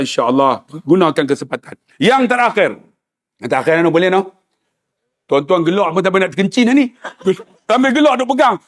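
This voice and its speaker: A man with a northern Malaysian Malay accent giving a humorous sermon, telling stories with animated delivery and addressing the audience directly. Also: high voice. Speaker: preacher. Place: mosque or lecture hall.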